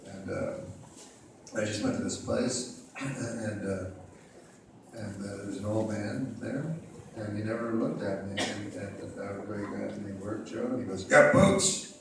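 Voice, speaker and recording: A man's voice: on the low side, steady tone, a little slow, noisy background. A man in his fifties from Canada telling crude, rambling anecdotes at a bookstore talk. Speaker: author at a book talk. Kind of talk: casual storytelling Q&A. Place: bookstore event in front of an audience. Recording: echoey room, distant mic.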